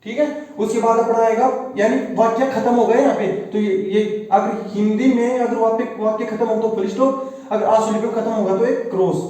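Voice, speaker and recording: A man teaching a shorthand lesson who asks his viewers questions and answers them himself, dictating example sentences slowly word by word. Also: very high-pitched, steady tone, dark tone, very echoey, far from the mic, low-quality recording. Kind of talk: video lesson.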